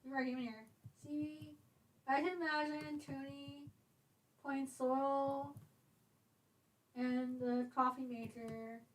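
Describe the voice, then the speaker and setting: A woman's voice: high-pitched, level tone, slow, long pauses, slight background noise, low-quality recording. A woman co-hosting a casual writing livestream, mischievous and giggly, reading out chat comments.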